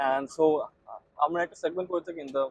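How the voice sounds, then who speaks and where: A man's voice: a little high, fairly even intonation, racing, vocal fry, breathy edge. A man with a Bangladeshi accent hosting a casual car interview, agreeably interjecting and echoing, mixing Bengali and English. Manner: agreeable, interjecting, often echoes the guest. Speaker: car show host. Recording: music under the voice.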